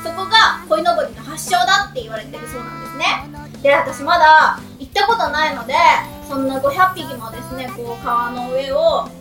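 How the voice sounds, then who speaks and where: A giggly, excitable woman with a youthful, girlish voice hosts a radio talk show with lots of energy and a fairly quick pace. The mic sounds distant in a roomy space, with music playing behind her.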